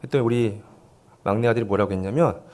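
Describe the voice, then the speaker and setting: A man's voice: on the low side, quick pace, a little mellow. A male pastor in his forties, leading a volunteer seminar from the pulpit with jokes and light coaxing of the congregation. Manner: joking, coaxing the congregation, self-deprecating asides. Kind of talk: playful sermon with audience games. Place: church sanctuary, speaking from the pulpit. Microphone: handheld microphone.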